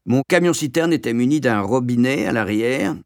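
A man narrating a memoir as a scripted audiobook, with a calm storytelling delivery. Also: mid-range voice, moderate pace, creaky, dry recording, studio quality.

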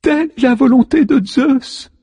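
A man voicing a grieving sea goddess mother who speaks softly, consoling and lamenting her son. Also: high-pitched, a little slow, breathy edge, no room sound, big-room sound, voice pushed up, exaggerated voice.

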